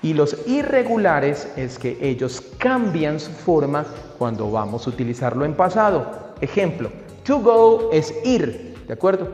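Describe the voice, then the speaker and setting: A man explains English grammar to a class with an animated, fairly high-pitched voice, often pausing to check that his students follow. The room is echoey and the reverb lingers, with faint music playing underneath. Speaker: English teacher.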